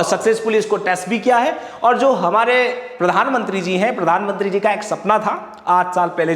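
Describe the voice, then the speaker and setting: A man explaining current affairs to exam students, often repeating and correcting himself and mixing in English terms. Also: sits high. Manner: repetitive, self-correcting, mixes English terms. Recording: echoey room with long reverb.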